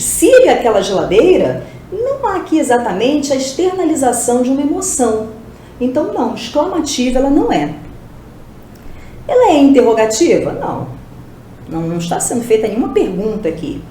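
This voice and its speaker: A woman's voice: fairly high pitch, dark tone, slight background noise. A woman teacher giving an exam-prep lesson, asking rhetorical questions and answering them herself. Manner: explains with rhetorical questions and quick self-answers. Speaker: Portuguese teacher. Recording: roomy echo.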